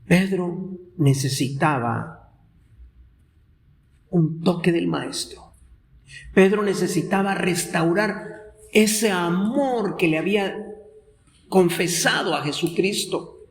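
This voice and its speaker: A man preaching a sermon as pastor, slow and deliberate, drawing out quoted lines. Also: high voice. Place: church.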